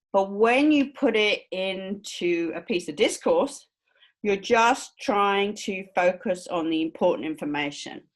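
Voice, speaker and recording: A woman lecturer with a slightly low-pitched voice talks through her points step by step. She keeps checking in with her listeners by asking if they are following. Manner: explanatory, checks understanding with frequent "right?". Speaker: university lecturer. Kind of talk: recorded lecture.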